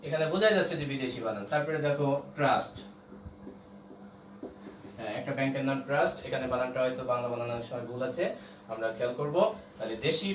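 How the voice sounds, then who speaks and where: Man teaching, echoey and distant. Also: medium pitch. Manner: explains step by step, often checks understanding. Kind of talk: online class lecture. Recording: roomy echo, voice from a distance, faint noise.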